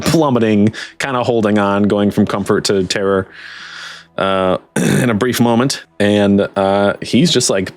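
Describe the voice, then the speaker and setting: Male game master, lower register, casual slangy storytelling, soft music underneath. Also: no echo. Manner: informal, chatty, slangy. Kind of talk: casual improvised tabletop game narration.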